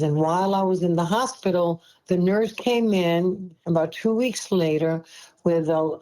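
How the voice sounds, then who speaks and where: On a rough recording, a Brooklyn-born woman in her seventies talks as a podcast guest about being a liver transplant recipient. Her Brooklyn accent colors a lowish, darkish voice, and her casual storytelling is emotional and heartfelt, rambling along with frequent restarts.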